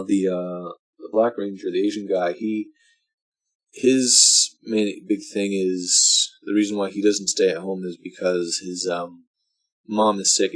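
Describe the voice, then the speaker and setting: Male vlogger, deep voice, drunk; off-the-cuff movie talk that stops, starts and wanders. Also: low-quality recording. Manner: halting, meandering, trails off mid-thought. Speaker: vlogger reviewing a film. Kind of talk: casual rambling movie commentary.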